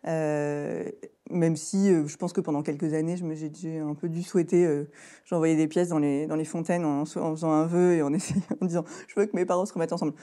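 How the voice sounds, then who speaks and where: A woman in her thirties from southern France, chatting as an interview guest, laughing often and filling pauses with "euh". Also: sits low, steady tone, warm tone. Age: 30s. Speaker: guest, co-founder. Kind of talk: casual interview.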